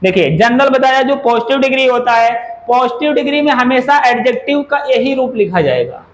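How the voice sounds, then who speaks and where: Very high-voiced male teacher lecturing a class. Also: expressive, brisk, low-quality recording. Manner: keeps firing questions at the class; drills words by saying them over and over. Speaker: English grammar teacher. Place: classroom with students.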